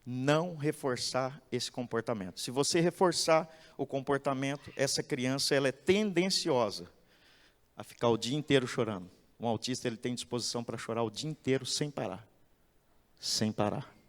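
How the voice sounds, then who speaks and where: In an echoey church hall, a pastor with a medium-pitched voice delivers an expressive, sermon-style talk. He preaches animatedly, acts out quotes, and keeps asking "entende?".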